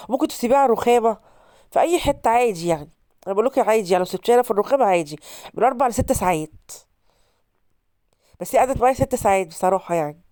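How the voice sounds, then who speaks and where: On the high side but dark in tone, this Egyptian Arabic-accented cooking host from Alexandria talks chattily through her casual vlog, repeating herself for viewers despite a cold-stuffed nose. It's clean studio sound without any room noise.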